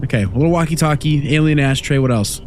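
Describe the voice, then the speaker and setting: Speaking fast and on the high side, this stuffy-nosed young gaming host chats loosely and easygoingly through a horror game. His slightly mellow tone rambles over soft background music in a home room at night, casual let's play style.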